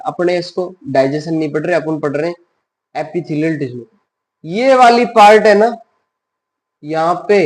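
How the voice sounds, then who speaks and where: A man teaching a biology lesson, who asks his class questions, answers them himself in a softer voice and mixes in English science terms. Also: fairly high pitch.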